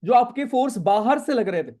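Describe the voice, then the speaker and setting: A man's voice: very high-pitched, lively intonation, fairly quick, mellow. A young man teaching a live online class, chatty, mixing Hindi and English and often checking "right?" with students. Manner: chatty, reads student questions, asks "right?" often. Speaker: online exam-prep teacher.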